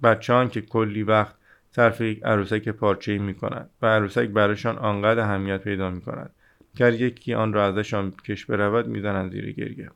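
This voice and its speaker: A man's voice: lowish voice, level tone, creaky, fairly bright tone, clear, resonant tone. A man reading the part of a small, curious boy prince in an audiobook, in an earnest, wondering way.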